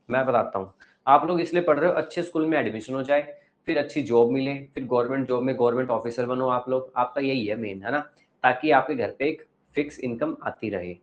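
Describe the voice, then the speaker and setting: Lo-fi recording of a lecturing male teacher. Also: mid-range voice. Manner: lecturing and questioning pupils. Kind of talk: classroom lecture. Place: classroom.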